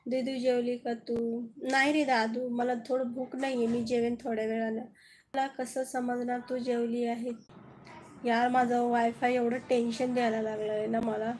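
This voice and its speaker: A woman's voice: a little high, flat delivery, moderate pace, darkish tone, a little hiss or hum, rough recording. A woman from southern Maharashtra, chatting casually on a phone live stream and answering viewers one by one with frequent laughs. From Kolhapur, Maharashtra.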